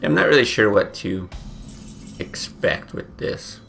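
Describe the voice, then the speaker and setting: Casting: drowsy male game streamer, very low gravelly voice, laid-back rambling commentary, soft music behind. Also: very animated, measured pace. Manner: laid-back, thinking aloud with many fillers. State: sleepy, morning voice. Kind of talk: casual gameplay commentary.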